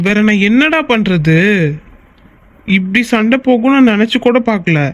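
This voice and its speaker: A man's voice: high-pitched, lively intonation, moderate pace, muffled recording. A man voicing a caring young friend in a cartoon, pleading and reasoning. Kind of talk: Tamil cartoon voice acting.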